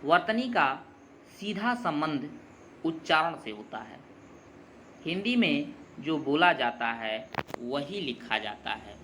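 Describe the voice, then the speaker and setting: A man teaching a Hindi grammar lesson, dictating words slowly and deliberately one at a time. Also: a little high, sing-song, fairly bright tone, a little hiss or hum.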